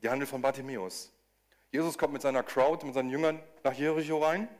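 A man's voice: mid-range voice, fairly even intonation, fast talker. A man preaching a sermon, talking animatedly, often stumbling into restarts, acting out quoted voices and cries with rising emphasis.

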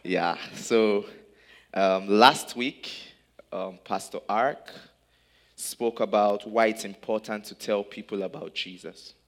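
A man from Nigeria preaches slowly, in short phrases with pauses, in a fairly low voice. He waits after each line so it can be interpreted. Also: fairly even intonation. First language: not German. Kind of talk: sermon in English with live interpretation.

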